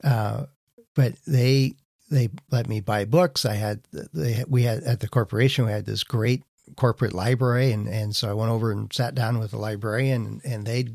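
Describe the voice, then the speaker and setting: A middle-aged man hosting a podcast, talking in an animated, casual way and often breaking off mid-sentence. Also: on the low side, normal speed, gravelly, no room sound, studio quality. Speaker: podcast host. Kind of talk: casual interview chat.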